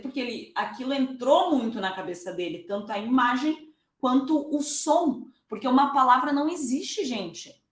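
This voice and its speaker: A woman's voice: high voice, fairly bright tone, reverberant. A woman teaching a public speaking masterclass in a casual, slangy way, driving points home with repeated examples. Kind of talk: masterclass lecture.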